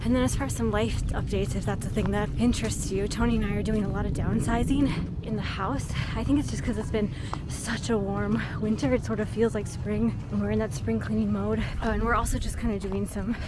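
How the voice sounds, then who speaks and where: A woman's voice: medium pitch, steady tone, a little fast, over loud music. A woman hosting a personal vlog, talking in a casual, chatty way. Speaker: vlog host.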